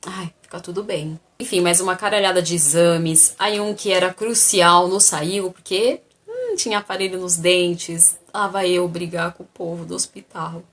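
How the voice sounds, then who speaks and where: A woman's voice: fairly low pitch, normal speed, hardly any pauses. A woman telling her own story in a casual vlog, acting out the dialogue as she goes. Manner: animated, acts out the dialogue.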